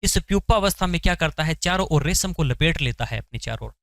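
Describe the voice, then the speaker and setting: A man's voice: on the high side, animated, quick pace, vocal fry, a bit bright, no echo. A male science teacher giving an exam-prep lecture, asking questions and answering them himself, repeating key terms to memorize.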